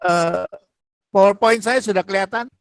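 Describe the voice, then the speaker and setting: A man giving a measured response on a webinar over a video call. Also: sits high, no echo. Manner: checking setup, measured.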